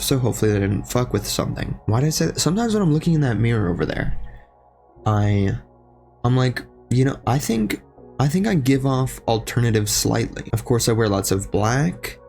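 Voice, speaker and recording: A man's voice: mid-range voice, creaky, a little mellow. A young man with a slightly strained voice, rambling casually and self-deprecatingly at home in his basement, swearing freely and losing his train of thought. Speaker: streamer and video creator.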